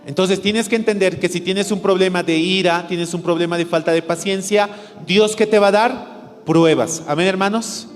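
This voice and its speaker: A man's voice: high voice, steady tone, moderate pace. A male pastor with a Bolivian Spanish accent, preaching a sermon and asking his congregation questions that he answers himself. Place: church hall. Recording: echoey church hall with music.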